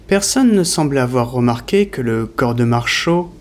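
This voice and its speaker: A man's voice: mid-range voice, animated, normal speed. A man narrating a scripted audio story in a dramatic storytelling manner.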